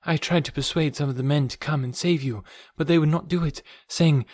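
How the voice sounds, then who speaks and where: A man voicing a brave young woman, a desert chieftain's daughter, speaking in a hushed, proud and earnest way. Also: on the high side, brisk, dry recording, clean studio sound, pitched above the performer's own voice, close to an everyday voice.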